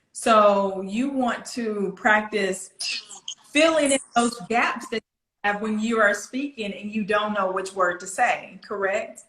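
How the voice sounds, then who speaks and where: A woman with an American Southern accent, from the southern United States, works as an English pronunciation coach in one-to-one sessions, explaining things directly and checking in with questions. Her mid-range voice is a bit bright, and the recording is rough and reverberant.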